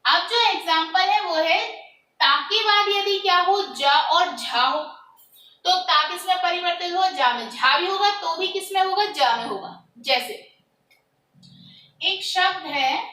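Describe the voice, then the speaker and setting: High, slow-talking woman teacher. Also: pushed and bright, roomy sound, far from the mic, rough recording. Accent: Hindi. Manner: asks quiz questions and answers them herself. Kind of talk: classroom lesson on grammar.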